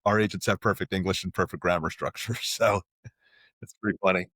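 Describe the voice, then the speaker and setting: A middle-aged man talking casually as a podcast guest, rambling and restarting often, getting animated when he explains. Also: sits low, fairly quick, no room sound, studio quality. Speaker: podcast guest, marketing agency president. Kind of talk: casual interview talk.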